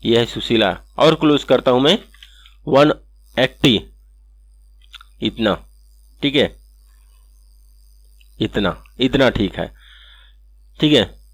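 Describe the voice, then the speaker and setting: Guy doing a screen-recorded animation tutorial, steady mid voice, keeps saying okay, dry close mic sound. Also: mid-range voice, slow, pauses often, dry recording. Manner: step-by-step, repeats "ठीक है" often.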